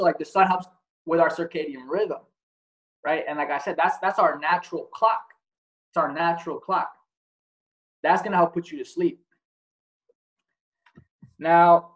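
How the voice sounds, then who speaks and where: Blunt high-voiced man. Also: muffled recording. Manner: blunt, swears, asks rhetorical questions. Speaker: podcast host. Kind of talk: casual motivational talk.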